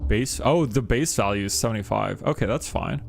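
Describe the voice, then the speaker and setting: A man chatting casually on a live stream while playing a game, rambling with lots of fillers and laughs, getting animated when he tells a story. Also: fairly low pitch, a little fast, vocal fry, faint music behind.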